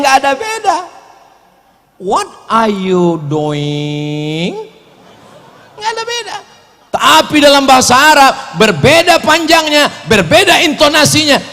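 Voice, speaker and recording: Animated high-voiced preacher in echoey hall. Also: male voice. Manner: animated, jokey, acts out quoted voices. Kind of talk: lively religious lecture.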